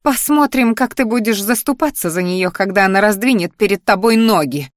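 A woman's voice: on the high side, moderate pace, dry recording, studio quality, voice pushed up, lightly acted. A woman voicing a jealous, spurned young academy girl who pleads and then turns spiteful.

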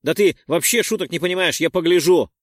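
A man's voice: medium pitch, fairly quick, no echo, clean studio sound, natural voice. A man voicing a cheeky young man who teases and taunts. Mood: mocking. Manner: taunting, raised voice.

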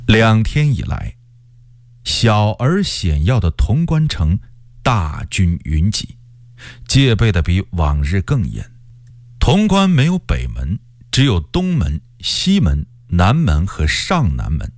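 A male storyteller giving an expressive radio reading of a historical novel. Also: on the low side, takes it slowly, dry recording. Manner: expressive, lively delivery.

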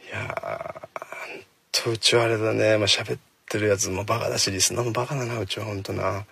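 A man hosting a casual solo talk show from inside a parked car, speaking quickly and chattily into a handheld phone and jokingly scolding his listeners. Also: lowish voice, fairly even intonation, vocal fry, fairly bright tone, slightly rough, no echo. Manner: fast-talking, chatty, mock-scolding listeners. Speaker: radio show host. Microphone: phone held in hand.

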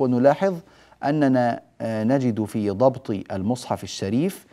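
In a recorded lesson on Quran recitation, a middle-aged man speaks in a relaxed, mellow, mid-range voice. He explains patiently, asks questions and answers them himself, and slows down to draw out each quoted word.

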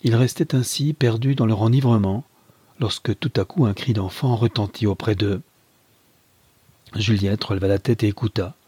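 Deep, husky male audiobook narrator. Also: normal speed, mellow, no echo. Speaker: audiobook reader. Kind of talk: scripted narration of a classic novel.

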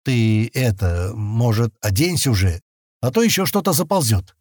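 Audiobook: man voicing a gruff young spacer, husky, curt and lively. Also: medium pitch, normal speed, dry recording, studio quality, natural voice. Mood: reluctant. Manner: grumbling, curt replies. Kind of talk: audiobook character voice.

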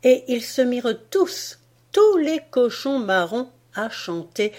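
A woman reading a folk tale aloud as an audiobook, in an expressive storytelling manner. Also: fairly high pitch, takes it slowly. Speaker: audiobook reader. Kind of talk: storytelling narration.

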